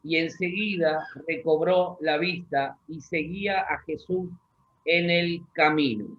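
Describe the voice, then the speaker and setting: A man preaching a sermon, reading scripture slowly with pauses and asking the congregation questions. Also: on the high side, steady tone, lo-fi sound. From Argentina. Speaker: pastor. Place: church hall.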